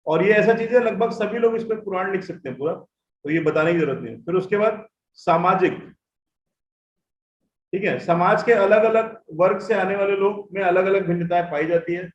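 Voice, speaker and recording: A man's voice: high voice, moderate pace. A man teaching an online class, who repeats key points and keeps checking whether his students follow. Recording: echoey room, dull audio, faint noise.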